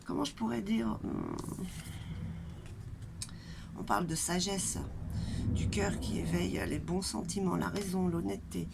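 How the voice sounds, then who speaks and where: Nasal, congested woman with a very gravelly creak. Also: fairly low pitch, wildly swooping pitch, measured pace, pauses often. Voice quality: nasal, congested stuffed-up voice from a blocked throat. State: congested throat, coughing and throat-clearing. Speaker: tarot reader and channel host. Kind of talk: casual chatty tarot reading to viewers. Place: outdoors in a light wind. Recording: noisy outdoor recording with wind.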